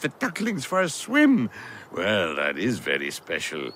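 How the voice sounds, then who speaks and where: A man's voice: fairly low pitch, huge pitch swings, a little slow, slight background noise, exaggerated voice. A man voicing a kindly, cheerful old talking stone wall who greets the animals in a cartoon. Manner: warm, cheerful, gently amused.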